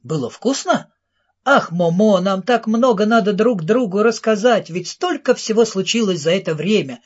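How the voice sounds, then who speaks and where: Man voicing an excitable gushing storyteller. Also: high-pitched, slightly rough, lo-fi sound, voice pushed up. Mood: excited, gushing. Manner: breathless, gushing, rapid-fire questions. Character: excitable famous male storyteller, warm, rushed.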